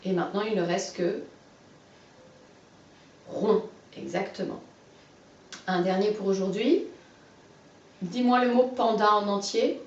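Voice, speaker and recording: A woman giving a phonics lesson to a young child, saying syllables slowly and clearly and praising each answer. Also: mid-range voice, a little hiss or hum. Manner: slow, clearly stressed syllables, encouraging. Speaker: teacher. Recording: roomy, distant, muffled home video.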